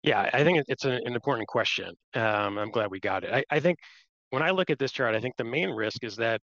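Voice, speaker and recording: A man's voice: medium pitch, expressive, fairly quick, a bit bright. A man giving unscripted, explanatory market commentary as an investment strategist on a panel. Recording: roomy, slightly muffled livestream audio.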